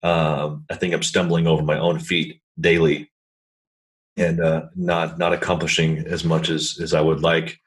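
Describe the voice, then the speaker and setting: A man's voice: a bass voice, completely flat delivery, unhurried. A man hosting a podcast, chatting in a laid-back, easygoing way and laughing easily. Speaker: podcast host. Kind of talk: casual interview chat.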